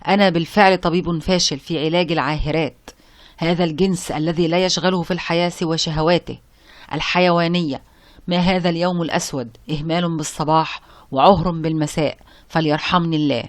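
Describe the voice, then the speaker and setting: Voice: mid-range voice, steady tone, fast, no echo, lightly acted. A reader voicing a harsh young male doctor who scorns women, with a stern, cutting delivery. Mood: scornful.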